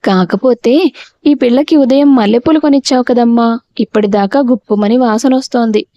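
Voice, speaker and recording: A woman's voice: on the high side, normal speed, dark tone, no echo, close to an everyday voice. A woman voicing a grown son who speaks coldly and pointedly to his mother, in an audio storybook. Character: quiet grown son turning defiant. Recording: dull, dry lo-fi recording.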